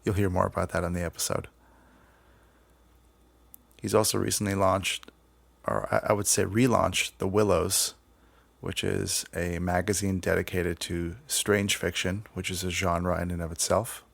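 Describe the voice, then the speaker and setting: A man hosting a podcast, talking casually in measured, sometimes hesitant phrases. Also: low-pitched, level tone, vocal fry, dry recording. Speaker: podcast host. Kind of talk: casual podcast introduction and conversation.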